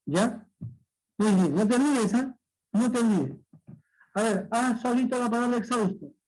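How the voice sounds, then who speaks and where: Male tutor, high husky voice, patient, repeats every rule, keeps checking in. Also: lively intonation, unhurried, darkish tone, poor audio. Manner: patient, repetitive, checks understanding often. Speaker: language teacher. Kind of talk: exam-prep lesson.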